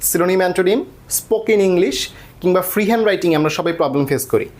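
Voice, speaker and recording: A man's voice: high voice, lively intonation, very fast, a little mellow. A man teaching English vocabulary in an online class, explaining patiently and often checking that students follow.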